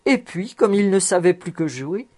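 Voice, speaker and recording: A woman narrating a classic novel aloud in a measured, expressive way. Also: on the low side. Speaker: audiobook reader.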